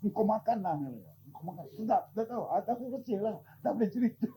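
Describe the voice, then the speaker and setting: Older man, religious teacher, lively rising and falling voice, dark mellow tone, faint background noise. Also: high-pitched, quick pace, poor audio. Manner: animated, asks listeners questions, chuckles, teasing. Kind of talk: informal Sufi religious talk to a group.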